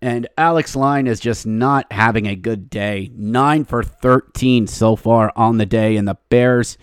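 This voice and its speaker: Man, sports podcast host, medium pitch, casual opinionated recap, wry, colloquial, dry studio-like sound. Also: measured pace, clean tone, no room sound. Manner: wry, colloquial, short emphatic phrases.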